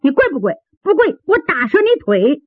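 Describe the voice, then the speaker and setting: A woman voicing a sharp-tongued young palace maid who bosses a captive around. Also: sing-song, normal speed, dry recording. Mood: bossy. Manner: shrill, bossy. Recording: dry, tinny phone-like sound.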